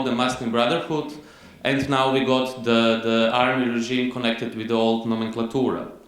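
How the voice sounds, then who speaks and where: A Croatian-accented man gives a conference lecture in a measured way, pausing on frequent fillers. His voice sits at a middle pitch. The hall around him is very echoey. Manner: measured, frequent "uh" fillers, reads quotes slowly.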